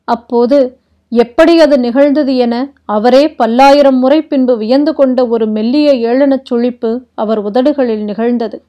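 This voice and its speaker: A woman narrating a literary epic as an audiobook, in a deliberate, dramatic reading style. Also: a little high. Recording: dull lo-fi recording.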